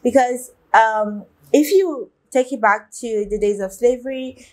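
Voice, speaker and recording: A woman's voice: a little high, a little slow. A young woman hosting a reaction video, talking to viewers in a casual, rambling way with many restarts and fillers. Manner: talks straight to viewers, asking their opinion.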